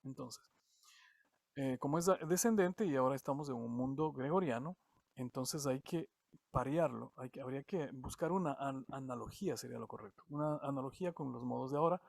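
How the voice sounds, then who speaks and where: A man from Latin America giving an online music theory lesson, halting and often repeating words as he explains. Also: mid-range voice, creaky, no room sound, clean studio sound. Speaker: music teacher.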